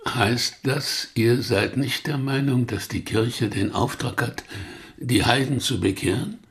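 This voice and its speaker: A slow, gravelly old pope, played by a man. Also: mid-range voice, natural voice. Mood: probing. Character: gouty ailing old pope, irritable. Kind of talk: radio play acting.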